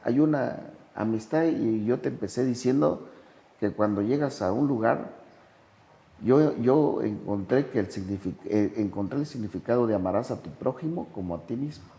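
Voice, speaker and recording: A man, talking slowly and reflectively as a sponsor, telling anecdotes with big swings in pitch. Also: mellow, in a large hall. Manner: slow, measured delivery with dramatic pitch swings when telling anecdotes. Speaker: sponsor and podcast guest. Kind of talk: reflective conversational storytelling.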